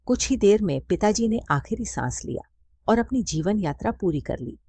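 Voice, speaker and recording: A woman's voice: medium pitch, animated, moderate pace, mellow, husky, dry recording. A woman giving a mournful, scripted first-person story narration.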